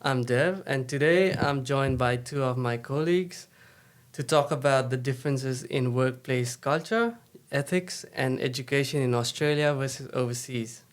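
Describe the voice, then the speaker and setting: A man from Nepal hosts a casual podcast chat in a smooth, clear voice. He keeps a steady pace and puts short questions to his guests. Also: mid-range voice, moderate pace. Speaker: podcast host.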